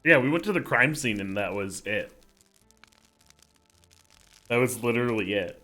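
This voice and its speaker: A man's voice: medium pitch, lively intonation, moderate pace, sharp tone. A man chatting casually as co-host while he plays a video game. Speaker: let's play co-host. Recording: game music behind. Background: video game music.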